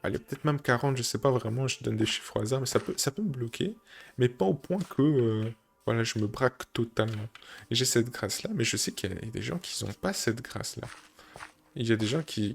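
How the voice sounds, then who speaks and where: A man talking casually to camera, thinking aloud with many fillers and restarts, seated indoors on a creaky chair. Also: mid-range voice, animated, fairly quick, a little hiss or hum. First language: French. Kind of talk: casual reflective monologue.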